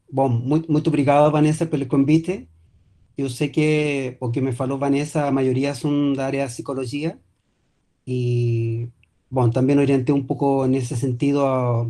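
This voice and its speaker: A guest lecturer from Chile, a native Spanish speaker with a Chilean accent, gives an online academic lecture over a video call. His medium-pitched voice is warm, and he hesitates and restarts often.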